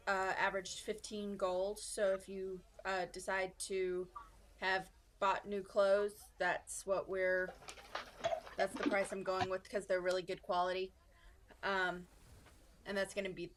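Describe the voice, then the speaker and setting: A woman in her twenties recapping a tabletop game session as dungeon master, relaxed and halting with many pauses and restarts. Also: mid-range voice, slight background noise. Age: 20s.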